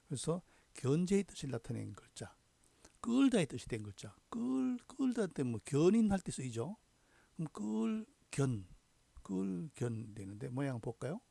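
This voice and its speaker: Gravelly-voiced man teaching hanja. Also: medium pitch, big pitch swings, dark tone, dry recording. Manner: slow, deliberate, punctuates with frequent affirming "ye". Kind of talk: recorded lecture.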